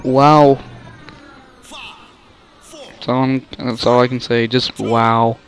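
Over slight background noise, a young gamer rambles casually through his play in a monotone, mid-range voice at a moderate pace. He keeps breaking off mid-sentence to react and gets exasperated easily.

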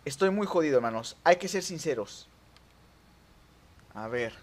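A young man with a Mexican accent commentating his own online racing gameplay, excitable and yelping at near misses. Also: fairly high pitch, a little slow. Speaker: gaming YouTuber.

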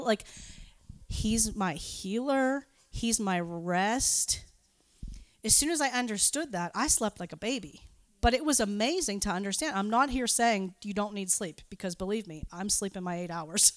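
Her pitch is medium and there's no room sound. She's a preacher at a church gathering, sharing personal anecdotes in an informal sermon with a chatty, giggly, self-deprecating manner.

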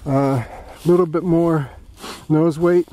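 A man giving relaxed running commentary while flying a model plane outdoors, thinking aloud with fillers. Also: fairly high pitch, slow, a little hiss or hum. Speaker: model aircraft flyer. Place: open grassy field outdoors.

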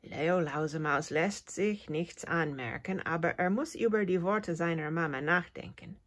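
A woman whose first language is English, reading a children's picture book aloud with expressive storytelling. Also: on the low side, unhurried. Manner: expressive storytelling, with sound effects. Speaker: reader.

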